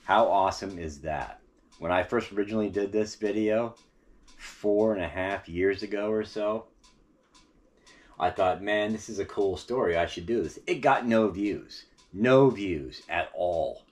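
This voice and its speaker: An American vlogger tells stories about local history in a casual, folksy way, chatting directly to his viewers. His voice is lowish and a bit mellow at a measured pace, and the noisy recording picks up passing vehicles.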